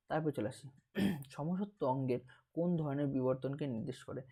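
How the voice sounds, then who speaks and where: A man's voice: fairly high pitch, warm tone. A man with a Bengali accent working through an exam paper as a teacher, repeating key terms and asking and answering his own questions. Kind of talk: exam paper walkthrough lesson.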